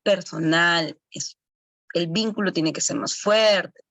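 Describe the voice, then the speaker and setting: This woman's voice is gravelly and fairly low-pitched yet fairly bright in tone, and she speaks at a slow pace with no echo. Lecturing online to early-education assistants, she explains as she goes and frequently corrects herself.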